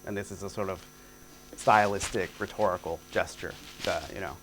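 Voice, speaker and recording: Wearing a lapel mic at a lectern in a lecture hall, a middle-aged man lectures academically and fields questions, using fillers as he thinks aloud. His voice is low and fairly bright, with fairly even intonation at a moderate pace, and soft music plays in the background.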